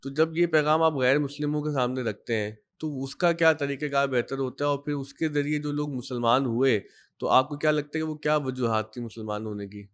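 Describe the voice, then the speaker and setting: A man hosting a podcast interview, asking long, measured questions. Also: medium pitch. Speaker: interviewer, journalist.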